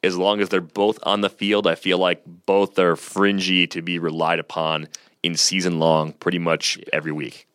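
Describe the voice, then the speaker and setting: Deep-voiced man rattling off stats. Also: little pitch movement, moderate pace, fairly bright tone, clear, resonant tone, no room sound. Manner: dry, clipped stat rundowns. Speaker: podcast co-host. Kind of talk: casual sports chat, reading stats.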